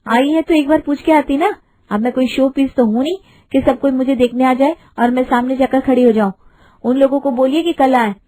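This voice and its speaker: A woman's voice: sits high, steady tone, a little fast, mellow, pitched above the performer's own voice, low-quality recording. A woman playing a sassy young cartoon bride. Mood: indignant. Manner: cheeky, sassy retorts. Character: sharp modern young bride, witty and defiant.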